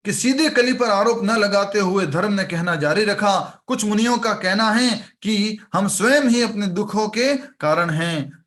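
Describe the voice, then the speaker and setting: A man's voice: high voice, fairly bright tone. A man teaching an online scripture class over a video call, telling a story and acting out the characters' lines.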